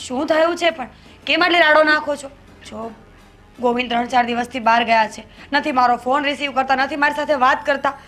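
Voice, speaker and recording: A pleading, high-voiced young wife. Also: female voice, a little fast, pushed and bright, faint music behind. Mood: anxious, earnest. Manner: earnest, pleading. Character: loyal pleading young wife, torn between husband and family. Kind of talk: family film drama.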